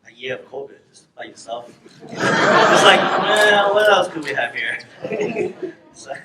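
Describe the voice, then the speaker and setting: A man's voice: high-pitched, huge pitch swings, slow, a crowd in the background. Man, from Thailand, raised in Florida, film director, casual rambling, festival Q&A, distant mic, roomy echo. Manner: casual, rambling, laughs often. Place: screening venue with audience. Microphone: far from the mic. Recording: echoey room, heard from a distance.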